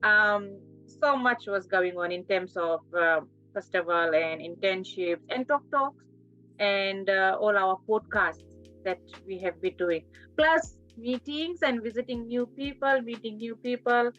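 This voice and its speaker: A woman's voice: mid-range voice, a little slow, sharp tone, highs cut off, soft background music. A woman chatting casually as a panellist in an online discussion. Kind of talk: casual chat.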